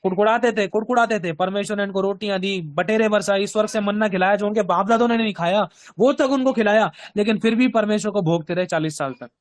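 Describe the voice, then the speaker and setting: A man's voice: sits high, quick pace, no room sound. A man preaching as a pastor. He often asks his listeners whether they understand and acts out the voices he quotes. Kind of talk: sermon. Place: home.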